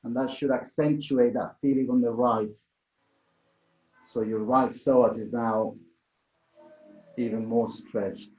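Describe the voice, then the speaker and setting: A man's voice: mid-range voice, steady tone, slow pace, pauses often, darkish tone, faint music behind. A man instructing a yoga class in a conversational way, correcting himself as he demonstrates the moves. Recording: echoey room, dull muffled sound.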